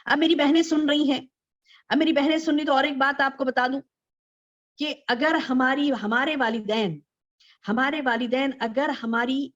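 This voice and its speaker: A female Islamic scholar giving a religious lecture to women. She repeats phrases, asks rhetorical questions and recites verses slowly before explaining them. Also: high-pitched, steady tone, a bit bright. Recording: dull lo-fi recording.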